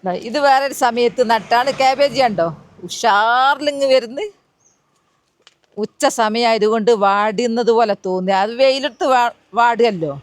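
A woman's voice: fairly high pitch, unhurried. A woman chatting to her viewers in a casual gardening vlog, recorded outdoors in a garden beside a road. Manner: chatty, speaks straight to viewers. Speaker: gardening vlogger.

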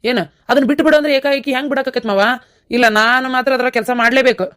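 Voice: sits high, steady tone, rapid-fire, fairly bright tone, clear, resonant tone. A performer voicing a stubborn young villager set on becoming a soldier, with a North Karnataka accent, in a cartoon. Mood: determined. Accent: North Karnataka Kannada. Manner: earnest, stubborn. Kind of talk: cartoon voice acting.

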